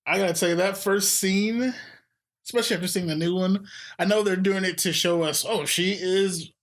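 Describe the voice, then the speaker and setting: A woman's voice: medium pitch, fairly even intonation, brisk. A woman co-hosting a podcast, chatting casually about films, laughing often and trailing off mid-sentence. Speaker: podcast co-host. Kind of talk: casual movie chat.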